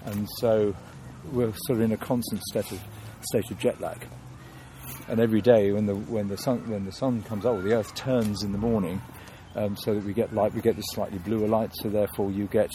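London guy thinking out loud, low mellow voice, stops and restarts a lot, bit of street noise. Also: steady tone, brisk. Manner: reflective, hesitant, many restarts and fillers. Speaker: guest. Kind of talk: thoughtful interview talk.

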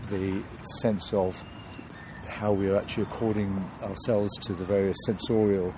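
A man's voice: on the low side, flat delivery, normal speed, noisy background. A man from London, a guest in an interview, talking thoughtfully with many restarts and fillers.

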